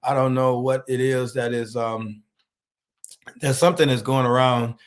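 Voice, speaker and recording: A male pastor, hoarse and slightly nasal from a cold, delivers an online sermon slowly and haltingly, greeting viewers by name. His mid-range voice holds a steady tone.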